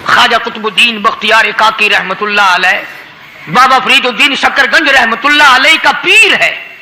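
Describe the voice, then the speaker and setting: A man's voice: very high voice, slight background noise, low-quality recording. A man with a Pakistani Urdu accent preaching an Islamic sermon, telling a story with impassioned, rising delivery. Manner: impassioned, rising to loud emotional peaks.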